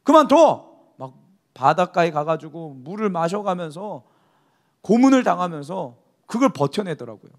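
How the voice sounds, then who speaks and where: A man's voice: fairly high pitch, expressive, normal speed. A male pastor preaching a youth service sermon, exhorting the congregation and calling for amens. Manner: exhorting, calls for amen.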